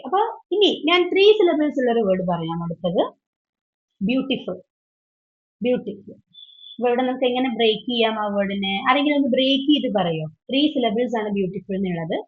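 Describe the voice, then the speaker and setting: Woman teacher, fairly high voice, patient, asks students questions, dull online-call audio. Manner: patient, questioning, mixes English into explanations. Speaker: English teacher. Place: online video class.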